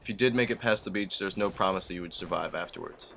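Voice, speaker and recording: A man's voice: low-pitched, fast. A man playing a weary soldier father, narrating his war story from a script. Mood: somber. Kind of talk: scripted first-person narration. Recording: clear background noise behind narration.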